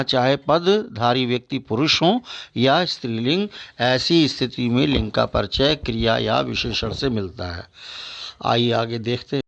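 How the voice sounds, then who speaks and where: A man teaching a school grammar lesson, slowly listing example words and checking understanding as he goes. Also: medium pitch, creaky. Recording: dull lo-fi recording.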